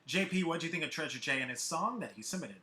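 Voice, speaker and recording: Fast, bright-voiced male host. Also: a little high, lively intonation. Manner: upbeat, quick announcer delivery. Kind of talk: live online competition hosting.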